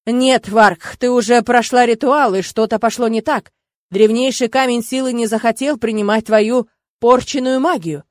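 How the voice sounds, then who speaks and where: A woman's voice: on the high side, lively intonation, brisk, darkish tone, no room sound, clean studio sound, natural voice. A woman reading a scornful, menacing count. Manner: contemptuous, pressing. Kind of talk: audiobook character reading.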